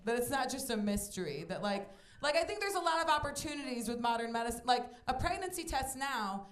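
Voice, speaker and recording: A woman in her twenties performing a stand-up comedy set on a club stage, playful and animated, acting out voices in her quotes. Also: a little high. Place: comedy club stage before a live audience. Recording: echoey club room with audience noise.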